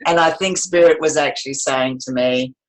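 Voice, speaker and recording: This seventy-something woman has a rumbling low voice at normal speed, sharing her life story with an interviewer in a chatty, wandering way marked by many restarts and laughs. The rough recording carries slight background noise.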